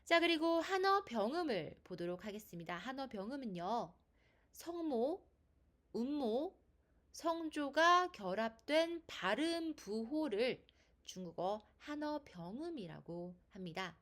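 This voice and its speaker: A woman's voice: a little high, big pitch swings, a little slow, fairly bright tone. A woman teaching a Chinese pronunciation lesson, explaining patiently and asking the viewer rhetorical questions. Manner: sings out long held vowels in demonstrations.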